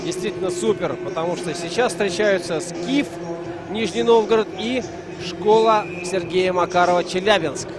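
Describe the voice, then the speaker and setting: A man's voice: sits high, moderate pace, noisy background. A man working as a hockey commentator, giving live sports commentary.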